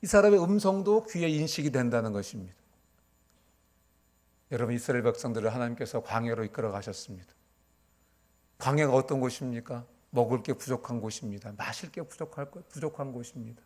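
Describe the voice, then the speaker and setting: A man's voice: medium pitch, a little fast, darkish tone. A middle-aged male pastor preaching a sermon, asking his congregation questions and answering them himself.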